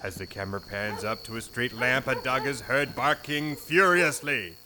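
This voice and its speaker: A man's voice: mid-range voice, normal speed, noisy background. A man narrating a comedy audio drama in a scripted, theatrical and wry storytelling manner.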